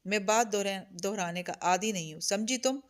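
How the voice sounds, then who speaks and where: A cold, domineering young feudal heir speaks with harsh arrogance, voiced by a woman reading a novel aloud. His low voice stays menacing and controlled, and his words are clipped and commanding. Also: expressive, natural voice. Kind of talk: audiobook character reading.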